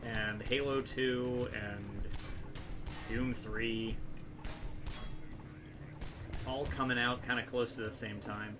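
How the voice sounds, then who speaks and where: A man's voice: mid-range voice, fairly even intonation, slow, over music. A man giving casual, wry gameplay commentary and chatting with viewers, swearing freely. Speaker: game livestreamer. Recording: noisy, distant mic with game sound. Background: video game sound.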